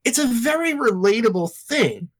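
A man's voice: very high-pitched, big pitch swings, moderate pace. A man in his thirties in a casual podcast chat, rambling, swearing and restarting his sentences. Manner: rambling, profane, self-interrupting. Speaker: podcast co-host.

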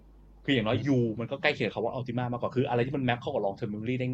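A man hosting a casual panel discussion, talking in a relaxed, chatty way with lots of fillers. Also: mid-range voice, quick pace, dull audio, a little hiss or hum. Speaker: podcast host.

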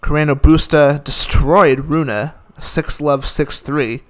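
A man's voice: fairly high pitch, fairly even intonation, slow pace. A man giving a casual, opinionated recap of the day's tennis results, rattling off scores with dry asides. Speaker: tennis commentator.

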